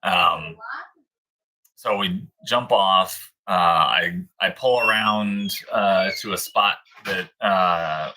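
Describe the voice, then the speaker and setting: A man's voice: sits low, very slow, bright, forceful tone, poor audio. A man in his thirties, rambling through a story with lots of fillers on a casual livestream. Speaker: co-host of a dog breeder livestream.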